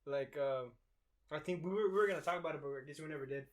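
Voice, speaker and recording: A man's voice: fairly high pitch, quick pace. A young man from Mexico co-hosting a podcast in a laid-back, casual chat, swearing and laughing easily. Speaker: podcast co-host.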